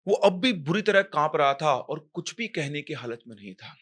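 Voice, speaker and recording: Young guy telling a scary story, bright kinda high voice, gets loud then hushes, talks right to you. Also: expressive, normal speed. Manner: dramatic, rising in tense moments and dropping to a hush; chatty asides to the listener. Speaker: horror story narrator. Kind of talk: casual storytelling narration.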